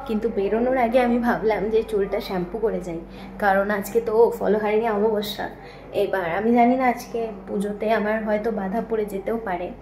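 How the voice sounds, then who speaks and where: A woman's voice: medium pitch, noisy background. A young woman thinking aloud in a rambling vlog monologue. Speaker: vlogger.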